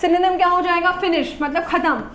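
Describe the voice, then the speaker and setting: A woman's voice: very high voice, fairly quick, fairly bright tone, echoey room. A woman teacher explaining English vocabulary to students. She asks questions and answers them herself, mixes English words into her explanations, and checks in with "Got it?". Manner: repeats "Got it?" to check understanding. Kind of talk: vocabulary lesson.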